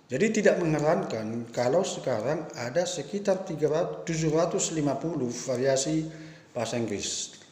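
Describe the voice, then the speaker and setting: A man's voice: a little high, moderate pace, darkish tone. A man giving a spoken lecture to teachers, emphatic and asking rhetorical questions. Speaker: professor giving a talk. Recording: echoey room with long reverb.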